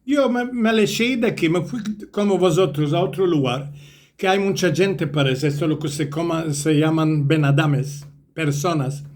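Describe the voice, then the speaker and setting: Brief: man voicing a bragging storybook donkey, Ladino accent, bright and lively. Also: a little high, moderate pace, voice pushed down, natural voice. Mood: boastful. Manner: boastful, lively. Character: boastful cheerful male donkey.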